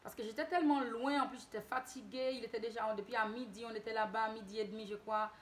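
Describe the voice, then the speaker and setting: A woman's voice: fairly high pitch, fairly even intonation, fast. A woman from Haiti telling a casual story-time tale to her channel, hesitant, with many restarts and self-corrections.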